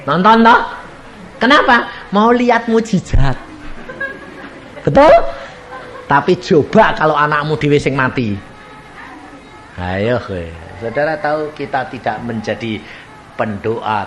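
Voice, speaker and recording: A man preaching a sermon, telling stories with acted-out voices, shouts and laughter. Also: fairly high pitch, a little hiss or hum. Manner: animated storytelling, acts out voices, shouts and laughs.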